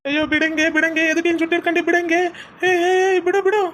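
A broke young village husband, as a woman acts him out in a comedy skit, whining and pleading in a high, rapid voice. He speaks with a North Karnataka Kannada accent over faint background noise. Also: level tone, fairly bright tone. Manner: whiny pleading.

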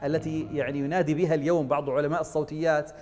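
A man, a scholar of Quranic recitation, explaining in a measured way with drawn-out fillers and spoken pronunciation demonstrations, as a TV studio guest. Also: a little high, flat delivery, darkish tone. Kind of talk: explanatory TV interview answer. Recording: reverberant studio with faint background music.

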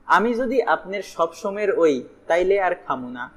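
A man's voice: high voice, big pitch swings, a little slow, heavily acted. A man voicing a pleading young village woman. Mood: devoted. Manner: soft, imploring rustic speech. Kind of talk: audiobook character voice.

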